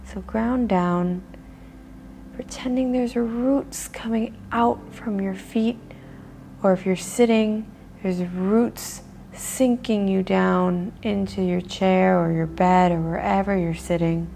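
Slow, gravelly-voiced woman guiding meditation. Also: mid-range voice, steady tone, a little hiss or hum. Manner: slow, soft and soothing, with breathy pauses. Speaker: meditation guide. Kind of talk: guided meditation.

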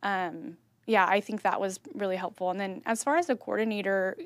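A woman's voice: mid-range voice, steady tone, fairly quick, no echo. A woman who coordinates a church's children's ministry, talking in a casual interview in a chatty, earnest way with lots of fillers. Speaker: kids ministry volunteer coordinator.

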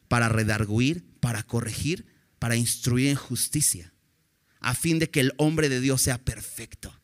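A man's voice: medium pitch, a bit bright. A man preaching a sermon in an earnest, direct way, often putting questions to his listeners.

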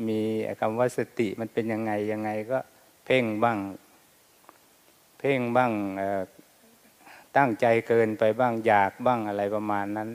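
A Buddhist monk calmly recounting his own experiences in a halting way, often repeating words. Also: lowish voice, clean tone. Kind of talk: personal recollection. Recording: long hall reverb.

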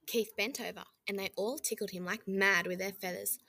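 Brief: woman storyteller, bright clear tone, gentle children's book reading with questions to the listener. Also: mid-range voice, steady tone, normal speed.

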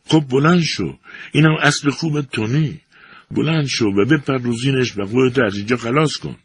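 A man's voice: low voice, sing-song, vocal fry, fairly bright tone, a little hiss or hum, heavily acted. A man voicing a desperate young woman calling out tearfully to her fiancé. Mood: pleading. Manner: pleading cries.

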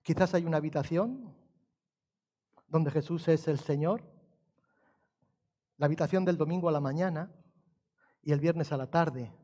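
Man, pastor, sermon, high-pitched voice, animated storytelling, rhetorical questions. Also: a little slow, long pauses.

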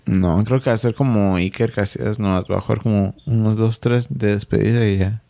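A man's voice: lowish voice, steady tone, a little fast, vocal fry, dark tone. A young man with a Mexican Spanish accent chatting casually about soccer, joking and swearing in heavy slang.

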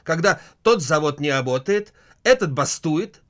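A man's voice: fairly high pitch, animated, a little slow, a bit bright, pitched above the performer's own voice. A man reading a satirical story aloud, voicing a quarrelsome, whiny middle-aged wife. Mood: shrill nagging. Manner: scolding, whiny, histrionic.

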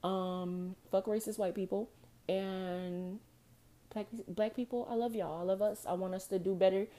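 A woman's voice: medium pitch, fairly even intonation, a little slow, warm tone. A young woman hosting her own podcast, venting frustrations in a passionate, profane monologue that runs emotional and close to tears. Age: young adult. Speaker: podcast host.

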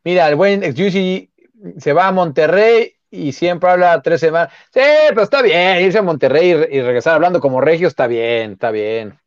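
A Mexican man hosting a casual football talk show, asking questions in a relaxed way. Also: fairly high pitch, normal speed, no echo, highs cut off. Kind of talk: casual sports chat.

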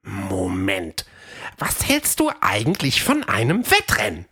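A woman voicing Fred, a fast, eager male dinosaur runner in a children's audio story, in a high, excited voice. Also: slightly rough, heavily acted.

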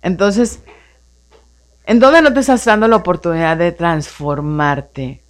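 A woman's voice: on the low side, unhurried. A woman hosting a live radio show on personal growth, coaching listeners with a string of rhetorical questions. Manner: animated coaching tone, rhetorical questions, frequent "entonces" and "no?". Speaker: radio host.

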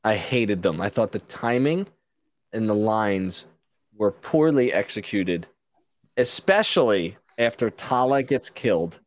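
A man's voice: lowish voice, animated, unhurried. Opinionated man hosting a review show. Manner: opinionated, rambling with restarts. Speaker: podcast host. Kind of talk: casual show review chat.

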